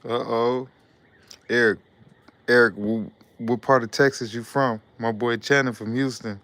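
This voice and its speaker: A young man from Detroit, USA, hosts a casual live stream, reading out viewer comments in a loose, repetitive way. His clean, smooth voice stays fairly flat and even in pitch, unhurried, with no room sound.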